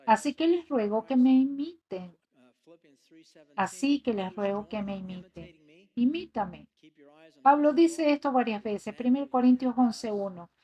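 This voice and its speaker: A woman's voice: a little high, warm tone, breathy edge. Woman voicing a translated sermon. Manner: earnest, reads scripture quotes aloud. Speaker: sermon interpreter.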